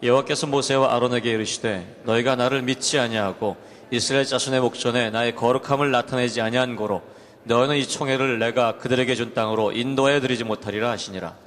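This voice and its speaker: A man reading a Bible passage aloud in a slow, solemn, formal manner. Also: medium pitch, fairly even intonation, fairly bright tone. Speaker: scripture reader. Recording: reverberant church hall, distant.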